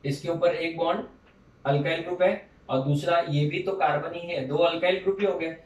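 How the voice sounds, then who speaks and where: A man's voice: fairly high pitch, steady tone, moderate pace, dull audio. A male teacher at a chalkboard giving a chemistry lesson. He asks his students questions and answers them himself, mixing Hindi with English technical terms. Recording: roomy and distant, faint background hum.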